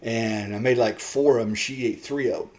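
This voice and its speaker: A middle-aged man, telling folksy stories as a podcast guest, unhurried and full of fillers. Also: mid-range voice, fairly even intonation, darkish tone. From Lebanon, Missouri. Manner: folksy, drawn-out storytelling with fillers. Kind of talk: casual storytelling. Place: podcast studio.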